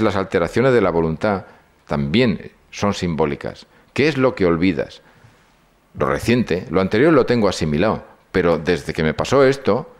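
An older man lectures in a very deep, low voice. He tells stories and acts out each person's lines as he goes. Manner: storytelling, acts out dialogue. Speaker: speaker on psychology and symbolism.

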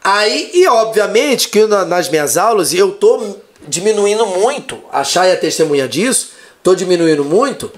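A man who teaches, a guest in a casual live chat, telling stories in an animated way and swearing often. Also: high voice, normal speed.

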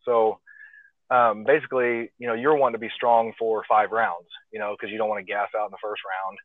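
A man, an arm wrestler, explaining his training in a relaxed way with lots of fillers, speaking over a phone call. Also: on the low side, a little fast, no echo. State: slightly out of breath. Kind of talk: casual interview over phone. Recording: tinny phone line, dry.

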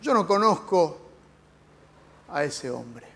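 A man's voice: a little high, sing-song, slow pace, gravelly, bright, forceful tone, in a large hall, a little hiss or hum, voice pushed down, full character voice. A man with an Argentine accent voicing the impulsive apostle Peter, who protests vehemently and insistently. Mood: denying. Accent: Argentine Spanish.

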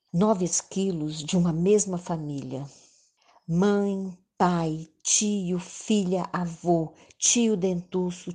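A woman's voice: on the low side, dark tone. A Brazilian woman narrating a children's story expressively, in the manner of a kids show host.

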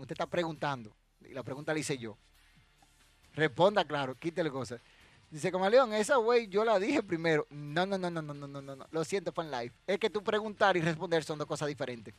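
A high-pitched man runs a trivia stream. He talks in a lively, swooping way and teases viewers as he reads their answers. Faint music plays behind him. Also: no echo. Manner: animated, teasing, answers chat directly. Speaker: livestream host running a wrestling trivia quiz. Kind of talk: casual live chat reading viewer comments.

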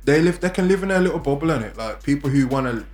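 A man's voice: fairly high pitch, expressive, fast, a little mellow, reverberant, soft background music. A man with an urban London roadman accent chatting casually in street slang as a podcast co-host. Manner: London roadman way of talking, peppered with slang tags.

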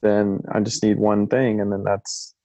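A man hosting a casual podcast, trading playful jokes with his guest. His voice is low and sounds dry and close, with no room echo. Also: completely flat delivery, measured pace, creaky, dark tone. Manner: joking, playful banter. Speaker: podcast host.

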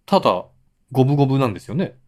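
A man co-hosting a casual talk show, trading relaxed, joking banter. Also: medium pitch, quick pace. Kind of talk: casual chat.

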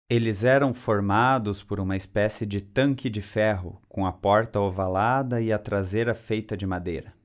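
A man reading a story aloud in a steady, even way. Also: lowish voice. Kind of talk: reading fan fiction aloud.

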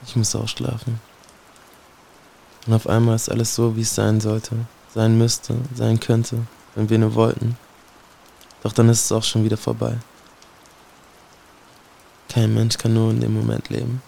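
A man recites spoken-word poetry in a low, gravelly voice with a dark, mellow tone. His delivery barely rises or falls, staying almost completely level. He sounds solemn and brooding as he addresses a listener directly. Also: completely flat delivery, unhurried, pauses often, a little hiss or hum.

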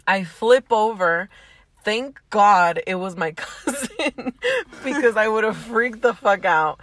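A woman's voice: medium pitch, expressive, takes it slowly. Young woman, laughing casual storyteller. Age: young adult. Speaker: podcast co-host. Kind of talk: casual chat.

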